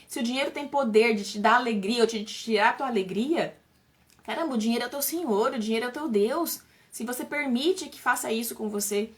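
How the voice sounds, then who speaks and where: Woman in her 30s talking fast to her live viewers, kinda high voice, earnest, keeps repeating herself. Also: fairly bright tone. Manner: earnest and urgent, frequent restarts and repetition. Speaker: speaker on a live stream. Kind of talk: emotional personal talk to viewers.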